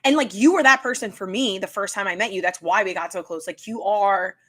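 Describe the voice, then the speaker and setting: A woman's voice: mid-range voice, brisk, bright, forceful tone. A woman hosting a casual interview chat, talking emphatically and explaining things at length in a conversational way. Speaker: podcast host, interviewer.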